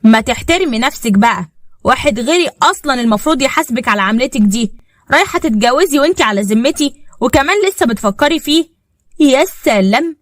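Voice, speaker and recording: A woman narrator playing a torn husband with no memory, defensive and pleading in a brisk Egyptian voice. The voice sits close and dry, the words hurried. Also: high-pitched, expressive, no echo, pitched above the performer's own voice. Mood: scolding. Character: confused adult husband with lost memory.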